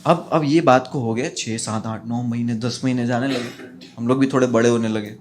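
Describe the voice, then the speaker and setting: A man doing stand-up, telling a childhood story in an animated way and acting out his friends' voices. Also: medium pitch, moderate pace, very noisy. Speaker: stand-up comedian.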